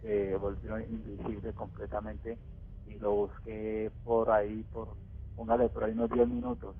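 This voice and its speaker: A man calling in to a radio show, telling a frightening story of his own in a hesitant way, with many pauses. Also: lowish voice, monotone, slight background noise. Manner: hesitant, full of pauses and fillers. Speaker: caller. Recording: dry tinny phone line.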